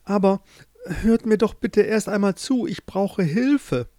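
Earnest fairy-tale youth, pleading and lively, slightly raised voice, played by the narrator. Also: male voice, a little high, measured pace, dry recording, studio quality, voice pushed up. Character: earnest young man searching for his love.

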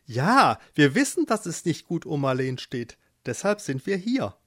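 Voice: medium pitch, sing-song, unhurried, fairly bright tone, dry recording, studio quality. A storyteller voicing an impatient, pushy male mole who talks in an urgent, bossy way, for a children's storybook.

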